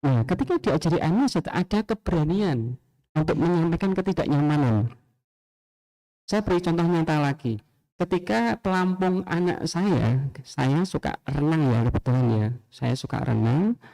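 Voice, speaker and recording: A man's voice: on the high side, animated, moderate pace, vocal fry, warm tone. A middle-aged man, a school principal giving a casual teacher training and asking his listeners rhetorical questions. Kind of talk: casual spoken lecture.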